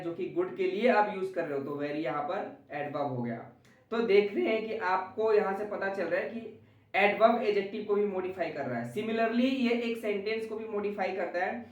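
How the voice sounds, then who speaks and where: A man's voice: high voice, distant mic. Male Hindi tutor in a roomy echo. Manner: patient, repeats examples slowly, addresses students directly. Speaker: home tutor. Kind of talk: explaining grammar in Hindi mixed with English. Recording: roomy echo, away from the mic.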